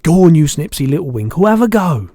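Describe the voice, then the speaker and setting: Booming, excitable storybook giant. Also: male voice, fast, no room sound, studio quality. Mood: disgusted, goading. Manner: booming, spluttering, mangled rustic grammar and invented words. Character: big gentle giant, male, excitable, proud, soft-hearted. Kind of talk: animated children's storybook reading.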